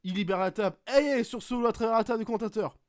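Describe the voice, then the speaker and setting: A man hosting a podcast, swearing often as he retells a wrestling match in an animated play-by-play. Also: high-pitched, rapid-fire, no echo, clean studio sound. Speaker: podcast host. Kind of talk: casual podcast chat, excited match recap.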